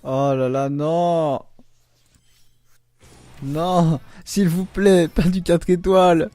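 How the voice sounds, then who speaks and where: A man giving casual commentary on his game pulls, excitable and groaning aloud whenever the luck turns against him. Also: on the high side, very slow, no echo. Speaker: gaming YouTuber.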